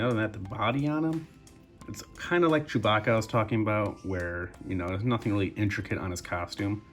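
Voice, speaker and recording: Congested guy doing a laid-back toy review, really deep with lots of fry. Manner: relaxed, chatty, addresses viewers as guys. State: congested, mouth breathing. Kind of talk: casual unboxing review.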